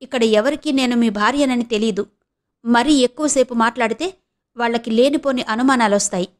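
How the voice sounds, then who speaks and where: Woman reading as a defiant sharp-tongued young wife. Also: a little high, fairly quick, close to an everyday voice. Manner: cutting, sarcastic retorts.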